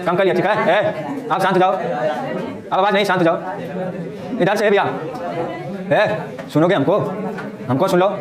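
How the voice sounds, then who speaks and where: High-voiced man teaching a noisy class. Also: moderate pace, long pauses, a crowd in the background. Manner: quizzing pupils with call-and-response questions; bossy, repeatedly hushing a noisy class. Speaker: coaching teacher. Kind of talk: classroom lecture. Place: classroom full of pupils. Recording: echoey classroom with chattering kids.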